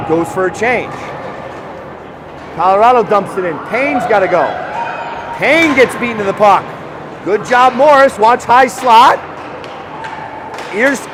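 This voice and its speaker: High-voiced excitable male hockey commentator. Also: background noise. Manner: excitable, shouts on scoring chances, jokes with listeners. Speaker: play-by-play commentator.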